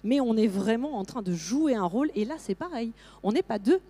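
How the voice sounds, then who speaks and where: Middle-aged woman, lively conference speaker, rather high and mellow voice, talks to teachers. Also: a little fast. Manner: lively, many fillers and restarts. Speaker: teacher trainer presenting to teachers. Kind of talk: conference talk.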